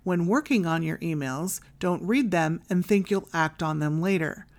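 A woman with a somewhat low, slightly mellow voice hosts a solo advice podcast, reading from a script at a moderate pace. Her delivery is tidy and instructional, offering guidance as short, clear directives.

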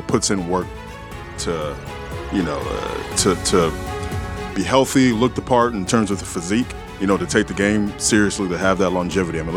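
A man with a deep, low magnetic voice talking casually about sports as a podcast co-host.

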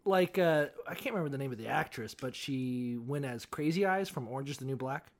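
A man with a soft, feminine-sounding voice, chatting casually and comedically as a podcast co-host. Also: mid-range voice, animated, fairly quick. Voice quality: soft, feminine, pseudo-effeminate voice.

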